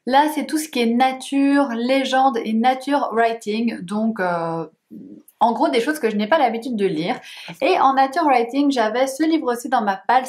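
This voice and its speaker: A woman book vlogger talking casually at home, chatty and a little self-deprecating, with hesitant fillers. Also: a little high. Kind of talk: casual reading-list vlog. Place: home room.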